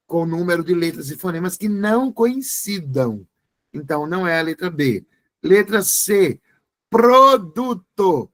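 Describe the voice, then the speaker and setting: Slow, deliberate male grammar teacher. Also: sits high. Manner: slow, deliberate, spelling words out letter by letter. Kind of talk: exam-prep grammar lesson.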